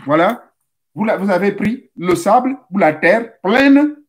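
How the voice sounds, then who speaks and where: High-voiced man teaching a spiritual rite. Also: lively intonation, unhurried. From Central Africa. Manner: didactic, addresses listeners directly, repeats steps. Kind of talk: instructional talk.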